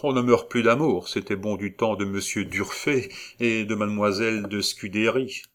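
A man's voice: on the low side, fairly even intonation, normal speed, natural voice. A man voicing a cold, mocking scheming abbé in an audiobook reading. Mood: sardonic. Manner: cold, sardonic.

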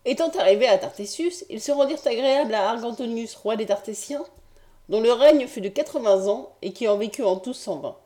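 A woman narrating an audiobook of ancient history in a measured, formal reading style. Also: fairly high pitch, warm tone.

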